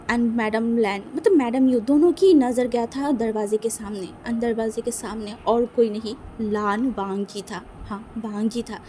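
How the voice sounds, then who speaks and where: A woman's voice: a little high, mellow, slight background noise. A woman casually narrating a romance fan-fiction story, rambling with many fillers. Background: faint music.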